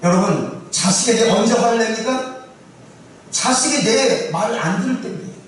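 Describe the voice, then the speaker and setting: A man's voice: high-pitched, lively intonation, normal speed, a little hiss or hum. A male pastor preaching a sermon and often putting questions to his congregation. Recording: echoey church hall, distant mic.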